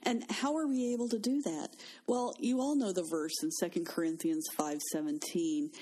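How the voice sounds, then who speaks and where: Mellow, husky woman teaching scripture. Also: fairly low pitch, steady tone, normal speed. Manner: earnest, teaching tone, quoting scripture. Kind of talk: faith-based conversational talk.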